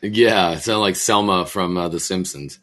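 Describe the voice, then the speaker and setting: A man hosting a casual podcast, his voice hoarse and croaky like a frog because he is sick. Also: low voice, moderate pace, pushed and bright. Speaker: podcast host.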